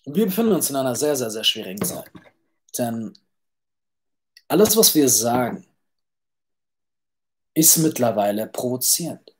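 A man's voice: medium pitch, very animated, a little slow, long pauses. A man hosting a solo podcast in a casual, rambling way, blunt and brash, with frequent restarts and repeated words. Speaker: podcast host.

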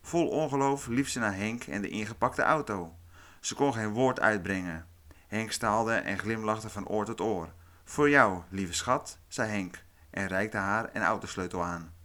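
A man hosting a podcast, reading a scripted true-crime narration in a calm, measured way. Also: lowish voice. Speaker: podcast host.

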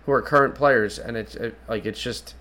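A man's voice: mid-range voice, moderate pace, pushed and bright. A man hosting a fan podcast, earnest and repeating himself as he gathers his thoughts. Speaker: podcast host. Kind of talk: casual chat.

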